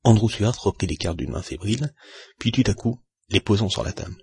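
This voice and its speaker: A man narrating a classic novel as an audiobook, steady and measured, with a husky, gravelly voice. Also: on the low side, dry recording, studio quality.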